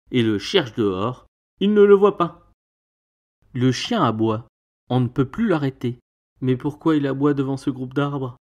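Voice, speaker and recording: A man reads a children's picture book aloud. His voice sits at a middle pitch. He tells the story expressively, with varied delivery. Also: a little mellow.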